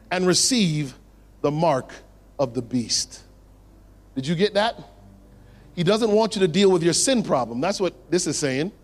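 Male preacher, high voice, dramatic pauses, drops low for emphasis, long hall reverb. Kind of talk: sermon.

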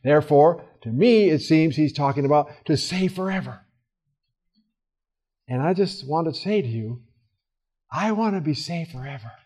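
Earnest, higher-voiced male Bible teacher. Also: animated, normal speed, long pauses. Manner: earnest, swings between loud emphasis and soft, quiet asides; casual, with many fillers and restarts. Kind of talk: conversational Bible study talk.

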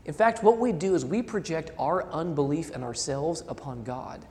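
A male pastor preaching a sermon, reading quotations aloud and swinging between loud emphasis and soft asides. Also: on the high side, expressive, moderate pace, in a large hall, slight background noise.

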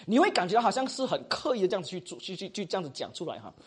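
一位马来西亚口音的男讲道老师在课堂上授课，说话生动随意，句尾常带"哈"。. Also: male voice, high-pitched, very fast, slightly rough. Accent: Malaysian Mandarin. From Malaysia. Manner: animated, chatty, ends phrases with 哈. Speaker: preaching instructor. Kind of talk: classroom teaching.

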